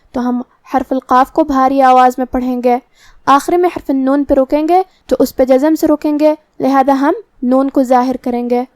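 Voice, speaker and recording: A woman teaching Quran recitation rules, explaining pronunciation step by step and reciting verses slowly. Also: high voice, darkish tone, no echo. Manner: explains articulation points methodically, then recites verses very slowly. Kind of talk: tajweed lesson with slow recitation.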